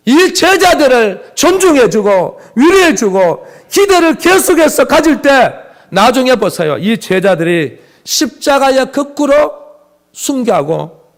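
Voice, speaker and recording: A man preaching a sermon as pastor, emphatic and full of rhetorical questions to the congregation. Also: extremely high pitch.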